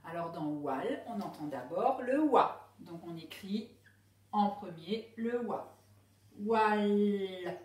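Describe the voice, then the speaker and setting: Slow, lively teacher woman in an echoey room. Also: fairly low pitch. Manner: clearly sounding out syllables. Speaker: primary school teacher. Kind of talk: slow classroom reading lesson. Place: classroom with a board. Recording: echoey room, voice a bit far from the mic.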